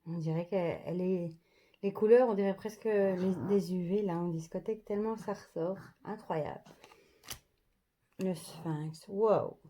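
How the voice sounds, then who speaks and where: A woman's voice: fairly low pitch, unhurried, dark tone, slight background noise. A woman showing off an oracle card deck in a casual vlog, murmuring each card's name in an admiring voice that often drops to a half-whisper.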